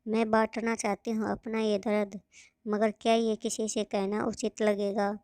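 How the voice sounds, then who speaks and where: A woman voicing a grieving young pregnant wife who pours her pain into a letter, in a slow, subdued, sorrowful way. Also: mid-range voice, level tone, a little mellow, smooth, no echo, lightly acted.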